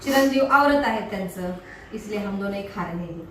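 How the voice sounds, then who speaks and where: A woman's voice: mid-range voice, lively intonation, fairly quick, noisy background. A middle-aged woman narrating a casual home vlog, chatty and coaxing. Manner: chatty, coaxing, mixes Marathi with Hindi and English. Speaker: family vlogger.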